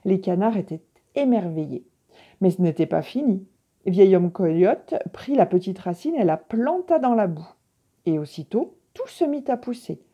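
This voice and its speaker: Teacher lady reading a story out loud, husky, really dark mellow voice. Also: mid-range voice, animated, moderate pace.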